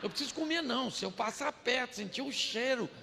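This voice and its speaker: A man's voice: extremely high pitch, expressive, fairly quick, vocal fry, noisy background. An older man, preaching a humorous sermon, joking and acting out household dialogues. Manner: jokey, acts out household dialogues, laughs often. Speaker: pastor. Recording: long reverb of a large hall.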